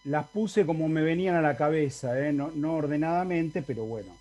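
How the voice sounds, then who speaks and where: In a slightly high voice with a dark tone, a man lectures a university Latin class at normal speed. He speaks with an Argentine Spanish accent over a video call, explaining step by step and often asking after his students.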